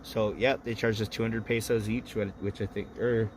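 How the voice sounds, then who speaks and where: A man's voice: fairly low pitch, level tone, normal speed, slight background noise. A man in his thirties hosting a livestream, telling rambling, profane stories while a little drunk. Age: 30s. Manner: loose, profane storytelling. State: tipsy. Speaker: livestream host. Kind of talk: casual rambling chat.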